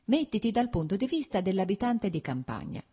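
A woman's voice: medium pitch, very animated, brisk, dark tone, breathy edge, voice pushed up. A woman voicing an earnest, intense young male landowner in an audiobook reading, speaking insistently.

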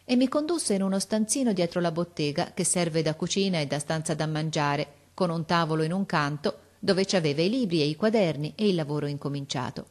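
A woman reading a story aloud in a calm, measured storytelling manner. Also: low-pitched. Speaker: narrator. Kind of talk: scripted narration.

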